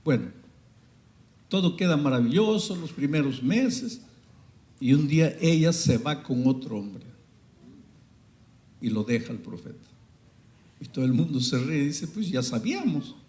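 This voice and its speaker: A man preaching a sermon, swinging dramatically between hushed and loud passages. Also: medium pitch, animated, measured pace, long pauses, reverberant.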